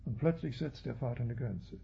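Male preacher, very husky and gravelly, mellow dark tone, dull lo-fi recording. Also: mid-range voice, moderate pace. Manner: frequent tag "ja", self-corrections. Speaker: Bible teacher. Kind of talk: expository sermon.

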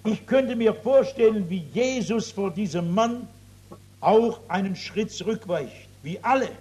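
A man preaching an evangelistic sermon to a seated audience, moving from loud exclamations to hushed, drawn-out emphasis and asking his listeners rhetorical questions. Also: sits high, animated.

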